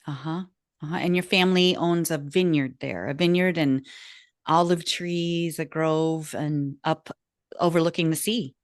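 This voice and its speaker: A woman with a very low voice hosts a podcast interview over a video call. Her talk is casual and effusive, full of soft affirmations, and the sound is dry and close with no room around it. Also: steady tone, a little slow, no echo. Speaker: podcast host.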